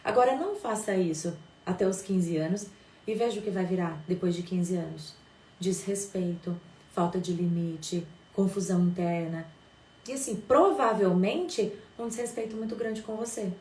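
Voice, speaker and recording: A woman's voice: lowish voice, moderate pace, a little mellow, far from the mic. A woman from Brazil, a parenting educator giving a firm, emphatic live talk to mothers, asking questions and answering them herself. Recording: echoey room, voice set back from the mic.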